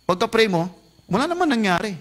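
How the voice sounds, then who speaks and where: A male Filipino pastor delivers a sermon in a notably high voice. He switches between Tagalog and English, speaking quietly at times and then building to loud, urgent exhortation. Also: sing-song, brisk. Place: church.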